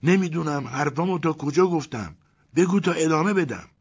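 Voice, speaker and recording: A man's voice: a little high, slightly rough, pitched above the performer's own voice. A man voicing a vain, deluded male clerk swallowed by a crocodile, who talks boastfully and lectures in a preachy tone, on a dull lo-fi recording.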